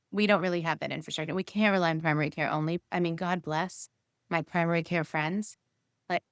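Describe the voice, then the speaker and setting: A woman physician being interviewed as a guest, explaining ideas at length in a lively, conversational way. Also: lowish voice, dry recording, studio quality. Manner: explanatory, lively, thinks aloud with fillers. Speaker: guest, physician and healthcare innovation executive.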